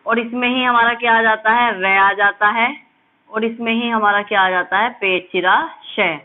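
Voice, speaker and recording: A woman teacher giving a lesson, drilling sounds slowly and asking and answering her own questions. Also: fairly high pitch, fairly even intonation. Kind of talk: classroom lesson. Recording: tinny phone-like audio.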